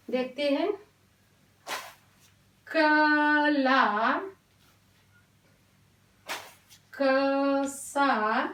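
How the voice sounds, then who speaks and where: A woman teaching a Hindi lesson to young children, talking slowly and patiently, drawing out syllables and mixing in English words. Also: high-pitched, distant mic, a little hiss or hum. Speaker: primary school Hindi teacher. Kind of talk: online classroom lesson. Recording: roomy echo, voice off-mic.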